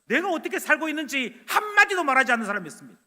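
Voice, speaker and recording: Animated, high-voiced preaching man. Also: very fast. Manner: animated, loud, acting out dialogue. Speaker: pastor. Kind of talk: sermon. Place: church sanctuary. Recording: long church hall reverb.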